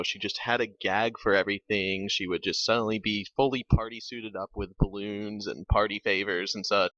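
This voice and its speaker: A man's voice: on the low side, fairly bright tone, no echo. A man co-hosting a casual review discussion, explaining his views earnestly. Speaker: podcast co-host. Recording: dull dry lo-fi mic.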